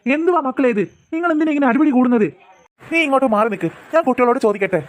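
A man's voice: extremely high pitch, animated, slight background noise. A man voicing an easygoing cartoon father who coaxes and teases his two daughters and his wife. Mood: teasing. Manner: jokey, coaxing, quick talk.

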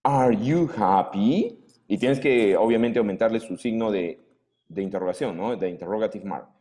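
A man's voice: fairly low pitch, a little fast, dark tone. A male English teacher, giving a classroom grammar lesson and patiently checking that his students follow. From Peru.

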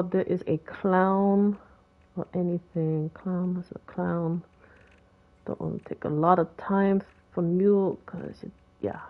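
A game video creator with a Boston accent chats and rambles her way through a casual gameplay tutorial. Her voice sits a bit low, and the sound has a phone-like quality.

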